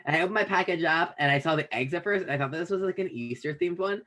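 A man's voice: a little high, fast, bright, forceful tone. A man from Canada co-hosting a podcast, chatting in a rambling, joking way with frequent restarts. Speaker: podcast co-host. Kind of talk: casual chat.

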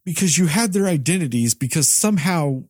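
A male podcast co-host who picks a film apart in a sarcastic, profane rant. His voice is slightly high and the recording is dry and close, with no room sound. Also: animated, a little fast, a little mellow, dry recording. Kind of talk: casual movie review chat.

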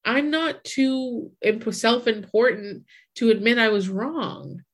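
Her voice is a little high and slow. A woman in her forties talks casually but earnestly, musing aloud with frequent restarts.

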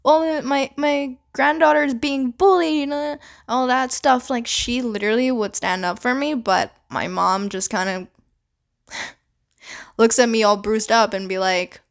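A young Filipina podcast host with a Canadian accent talks solo in a relaxed monologue, peppered with "like" and "you know" and casual swearing. Her voice sits a little high and creaky, with fairly even intonation and an unhurried pace.

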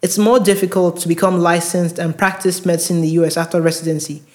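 A man's voice: a little high, flat delivery, fast. A man hosting an advice podcast, speaking earnestly and emphatically, often repeating words for stress. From outside the US. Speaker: podcast host advising premed students. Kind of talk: casual advice monologue. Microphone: handheld recorder mic.

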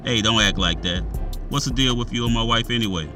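A man's voice: mid-range voice, fairly quick, lightly acted. An actor playing a menacing, needling man who taunts in slangy drama dialogue. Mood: taunting. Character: needling, menacing grown man, a married jail officer. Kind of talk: naturalistic screen drama dialogue. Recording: distant voice with faint music.

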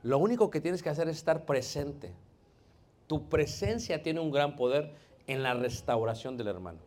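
A man preaching a sermon in a conversational way, often addressing his listeners as brothers and sometimes rising to loud emphasis. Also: a little high, expressive, moderate pace.

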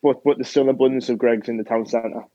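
A young man from Hartlepool talks in a rambling, wry, casual way. His voice is mid-pitched and plain. The sound is dry, with no room echo. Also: steady tone, quick pace, warm tone, dull audio. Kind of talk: casual chat.

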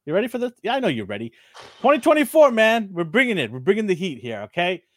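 A man's voice: high voice, racing, no room sound, clean studio sound. A middle-aged man co-hosting a podcast in casual chat, joking around and laughing often. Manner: jokey and animated, laughs often. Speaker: podcast co-host.

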